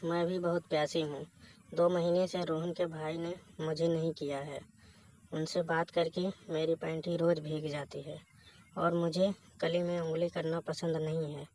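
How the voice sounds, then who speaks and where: A man's voice: fairly high pitch, level tone, a little slow, darkish tone. A man reading as a teasing, bossy young housewife. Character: bold teasing married woman, young.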